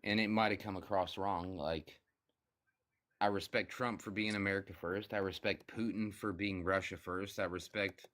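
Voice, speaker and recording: Deep low guy on a live stream, stumbles and repeats himself a lot, kinda hesitant. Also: fairly even intonation, moderate pace, fairly bright tone. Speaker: guest on a live debate stream. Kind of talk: casual live stream debate.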